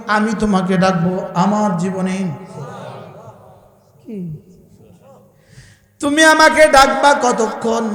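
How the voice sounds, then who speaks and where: High-voiced male preacher, echoey hall. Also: fairly bright tone. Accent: Bangladeshi Bengali. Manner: sings phrases in long drawn-out chant, then preaches in call-and-response. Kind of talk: chanted Bengali religious sermon. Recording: echoey hall with faint music.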